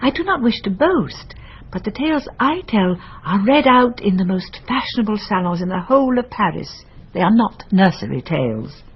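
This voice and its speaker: In a radio drama, an actress voices a worldly French countess and storyteller who is husky, aristocratic, and drily ironic, in an indulgent, proud mood. Her mid-range female voice swings widely in pitch at a moderate pace, fully in character, and the highs are cut off.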